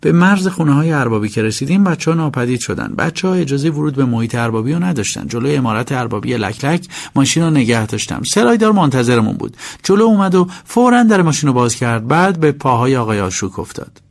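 A man's voice: mid-range voice, sing-song, creaky. A man reading a novel as an audiobook, telling a first-person story. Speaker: narrator. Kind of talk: audiobook narration.

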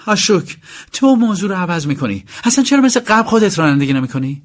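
A man's voice: high voice, big pitch swings, pitched above the performer's own voice. A man voicing an irritable, whiny rich young wife in a storybook reading, complaining and nagging. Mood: accusing.

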